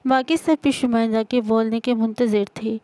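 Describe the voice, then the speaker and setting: A woman reading a novel aloud in steady, scripted narration. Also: a little high, no room sound.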